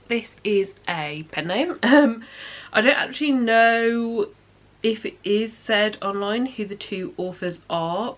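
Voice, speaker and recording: Chatty British woman talking books. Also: mid-range voice. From United Kingdom. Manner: chatty, rambling, giggly. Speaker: book vlogger. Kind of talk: casual chat.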